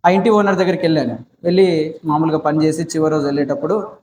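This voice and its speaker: A man with a high voice preaching in a prayer house, weaving a story into his sermon. He asks rhetorical questions and answers them himself. The room echoes, with a faint murmur behind him. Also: steady tone, fast talker, darkish tone, a little hiss or hum. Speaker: pastor.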